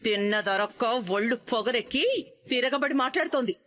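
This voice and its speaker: A woman's voice: on the high side, brisk, a bit bright, close to an everyday voice. An actress playing a scornful, proud middle-aged mother-in-law in a TV serial, sneering and scolding. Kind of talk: TV serial acting.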